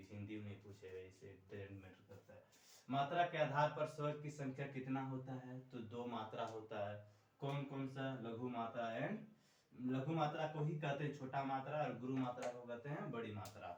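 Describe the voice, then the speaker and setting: A man's voice: mid-range voice, slight background noise. A male teacher giving a lesson, explaining step by step and asking and answering his own questions. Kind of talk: classroom lecture. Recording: echoey room, distant mic.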